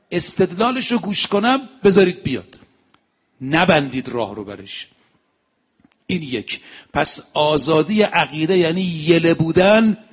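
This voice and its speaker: Animated male preacher. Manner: animated, acts out quoted dialogue with shifting pitch and loudness. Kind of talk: religious lecture with storytelling.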